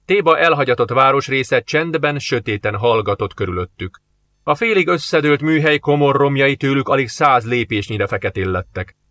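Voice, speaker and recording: A man narrating an audiobook in a steady, expressive reading style, close to the mic. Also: medium pitch, no room sound.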